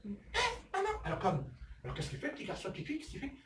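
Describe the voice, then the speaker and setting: A man in his sixties preaching a lively sermon, acting out little scenes and asking "hein?" often. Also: high-pitched, racing, a little hiss or hum. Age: 60s. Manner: animated, acts out little scenes in put-on voices, asks "hein?" often. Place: church hall. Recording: echoey hall, voice from far off.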